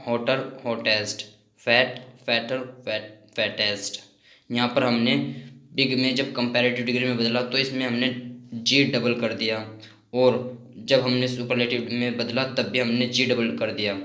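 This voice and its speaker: Guy explaining grammar rules pretty flat, lists word forms one by one, echoey room. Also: medium pitch. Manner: spells out suffixes letter by letter and lists word forms. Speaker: English grammar teacher.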